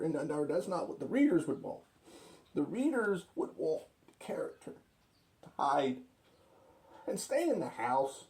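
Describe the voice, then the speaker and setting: A man's voice: on the high side, a little mellow, heavily acted. A man playing a touchy, stubborn would-be author who argues insistently, in a comic skit of arguing with himself. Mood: dismissive. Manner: argumentative, insistent, repetitive.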